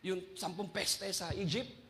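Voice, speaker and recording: A man's voice: high-pitched, steady tone, a little slow, fairly bright tone. A man with a Filipino accent preaching an impassioned sermon as pastor, mixing Tagalog and English and often calling out to the congregation.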